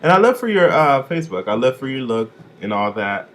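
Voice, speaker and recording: A young man from Chicago giving a casual, sassy vlog review, with swooping, expressive emphasis on his catchphrases. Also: medium pitch, a little fast, slight background noise. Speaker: vlogger reviewing drag contestants.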